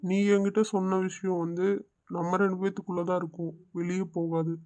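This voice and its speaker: A man voicing a calm, determined young man in a cartoon story, speaking in a steady, reassuring way. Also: high voice, a little fast, natural voice. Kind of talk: cartoon voice acting.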